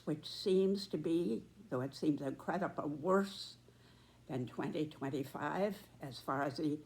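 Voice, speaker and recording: A woman in her nineties with a slightly low voice delivers spoken commentary very slowly. She is deliberate and emphatic, setting out her words in short, measured phrases. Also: darkish tone. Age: 90s. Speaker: political commentator.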